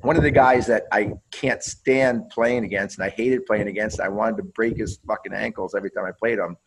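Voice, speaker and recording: Low-voiced profane ex-hockey man. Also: fairly even intonation, brisk, a little hiss or hum, low-quality recording. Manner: rambling, profane, repeats words and restarts. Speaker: guest, former pro hockey player. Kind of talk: casual interview storytelling.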